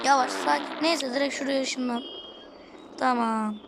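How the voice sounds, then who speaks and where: A woman's voice: high voice, steady tone, measured pace, creaky. A woman hosting a casual gameplay video, chatting and coaching a sibling as she drives in the game. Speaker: gaming video host. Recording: loud background noise.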